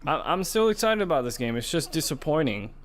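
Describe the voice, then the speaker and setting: A man co-hosts a podcast about video games and movies, chatting casually and informally like an enthusiastic gamer. His voice is on the high side, very animated, and fairly quick.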